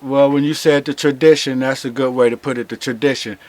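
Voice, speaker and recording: A man's voice: mid-range voice, steady tone, brisk, darkish tone, no room sound. A man speaking as an interview guest in informal, impassioned Rasta-style reasoning, repeating phrases emphatically like a preacher.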